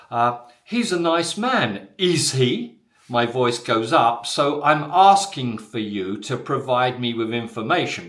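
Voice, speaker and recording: A man teaching a spoken English lesson, talking deliberately with exaggerated rising and falling intonation and frequent "uh" and "so" fillers. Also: medium pitch, a bit bright, reverberant.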